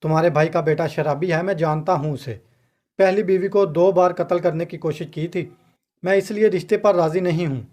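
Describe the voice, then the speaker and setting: A man's voice: fairly high pitch, steady tone, fairly quick, a little mellow, lightly acted. A man voicing a stern, fair-minded middle-aged uncle who rebukes his wife, in a storybook reading.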